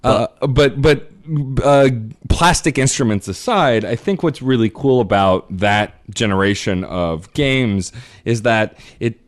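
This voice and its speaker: A man co-hosting a podcast in casual chat, chatty, with rapid asides. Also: medium pitch. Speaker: podcast co-host.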